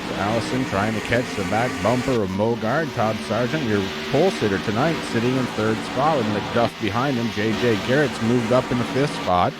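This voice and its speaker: A man's voice: medium pitch, moderate pace, few pauses, heavy background noise. A man calling a stock car race as a play-by-play motorsport commentator, with an announcer's delivery that draws out key phrases.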